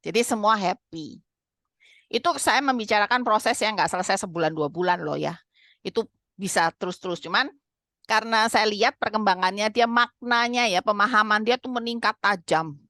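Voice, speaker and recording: A woman's voice: mid-range voice, bright, forceful tone, no room sound, studio quality. A woman hosting a channel, giving casual, chatty advice with everyday examples.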